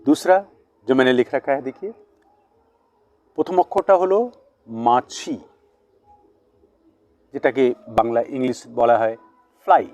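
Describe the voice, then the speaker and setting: Man, language teacher, board lesson, repeats words slowly, dry close sound, mid pitch. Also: expressive, darkish tone, no room sound. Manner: slow, repeated pronunciation of words. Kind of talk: bilingual vocabulary lesson at a board.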